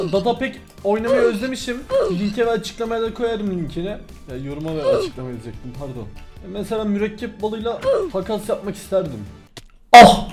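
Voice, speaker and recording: A young man giving excitable, casual commentary over his own gameplay, swearing lightly and talking straight to his viewers. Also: high voice. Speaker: gaming YouTuber.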